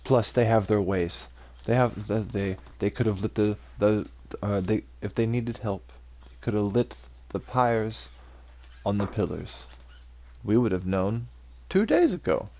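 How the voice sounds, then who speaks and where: A man's voice: on the low side, lively intonation, a little slow, darkish tone, a little hiss or hum. A man voicing a wary, suspicious male forest soldier who asks probing questions with hesitant fillers. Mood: skeptical.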